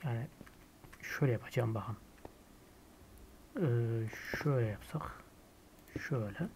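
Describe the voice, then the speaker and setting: A Turkish man hosting a casual gameplay video, thinking aloud as he builds and muttering quiet asides to himself. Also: medium pitch, unhurried, background noise. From Turkey. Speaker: gaming YouTuber host.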